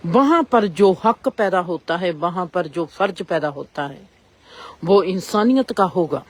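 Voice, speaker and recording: A woman gives a spiritual discourse at an unhurried pace. Her voice is slightly breathy and husky. She reflects aloud and builds her points through a run of rhetorical questions. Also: on the low side, expressive. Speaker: spiritual speaker.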